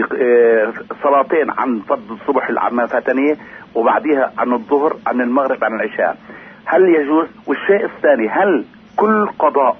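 A man puts questions to a radio show, moving between formal and colloquial Arabic. He speaks briskly, and his voice comes down a tinny telephone line with slight noise. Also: mid-range voice. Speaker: caller to a radio programme. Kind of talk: question-asking mixing formal recitation and colloquial speech. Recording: noisy narrow phone line on radio.

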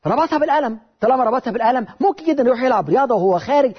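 A man with an Egyptian Arabic accent giving a motivational talk, lively and rhetorical, with repeated phrases. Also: very high-pitched, very fast, breathy edge, dull audio. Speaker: motivational speaker.

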